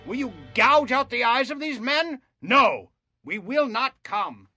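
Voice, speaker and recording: A man's voice: very high-pitched, animated, a little slow, bright, forceful tone, heavily acted. An actor playing a bitter, defiant male rebel who speaks with scorn, with faint music behind.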